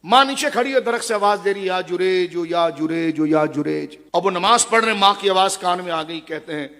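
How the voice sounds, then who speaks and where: A middle-aged man preaching a religious sermon to a gathering, telling the story with passion and speaking straight to his listeners, his voice moving between loud and hushed. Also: high-pitched. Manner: addresses the audience directly. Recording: long hall reverb.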